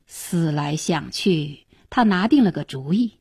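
A woman storyteller narrates in a traditional, dramatic style. Her slightly husky voice rises and falls widely, and she takes her time with each phrase. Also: sits low, animated, unhurried, darkish tone.

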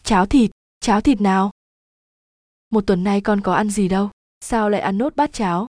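Brief: woman doing a weeping older village mother, mellow tone, close and dry. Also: mid-range voice, normal speed, dry recording, close to an everyday voice. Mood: anxious. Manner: sobbing and pleading.

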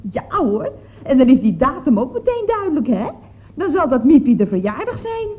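A woman's voice: sits high, normal speed. An actress playing a chatty, gushing female office clerk in a 1960s radio comedy. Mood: gossipy. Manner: chatty, gushing, lively swings of tone. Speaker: office receptionist at a building firm. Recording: old phone-like radio recording.

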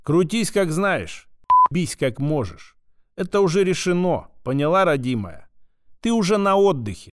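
A man's voice: on the high side, sing-song, unhurried, no room sound, studio quality. A man voicing a sly, unflappable male official who speaks in a mocking, familiar drawl. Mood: mocking, firm.

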